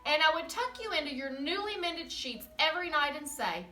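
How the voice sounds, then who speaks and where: A woman voicing a loving, patient storybook mother who answers calmly and reassuringly. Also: sits high, moderate pace, reverberant, distant mic, faint music behind, voice pushed up. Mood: loving, soothing. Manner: warm and reassuring.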